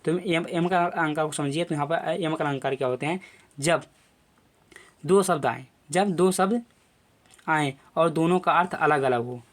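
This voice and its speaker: Man teaching in a slightly high voice. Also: a little slow. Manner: repetitive, explains step by step with filler phrases. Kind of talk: classroom lecture video.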